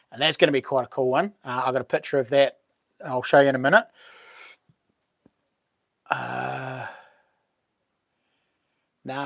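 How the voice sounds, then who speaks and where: A man with a broad New Zealand accent and a medium-pitched voice hosts a livestream, chatting casually and informally with viewers and using plenty of matey slang. The recording is studio quality with no echo.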